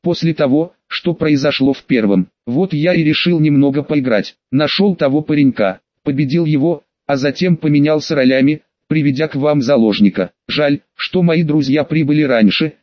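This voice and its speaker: Man voicing cheeky mocking young elf archer, insolent, fairly high voice, dry recording, audiobook. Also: normal speed, hardly any pauses, dry recording, lo-fi sound, close to an everyday voice. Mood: smug. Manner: insolent, smirking, laughs at foes.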